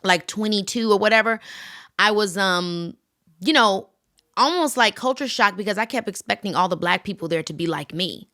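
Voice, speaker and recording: Chatty young woman, bright tone, dry close sound, casual talk. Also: mid-range voice, moderate pace, dry recording. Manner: animated, chatty, lots of fillers. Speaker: podcast host. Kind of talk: casual chat.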